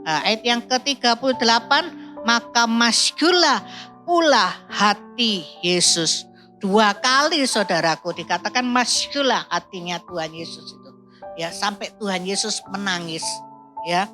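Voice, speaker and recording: A woman's voice: mid-range voice, unhurried, bright, forceful tone, faint music behind. A woman preacher, reading Bible verses and explaining them in a sermon, often adding "ya" and "Saudaraku". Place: church service.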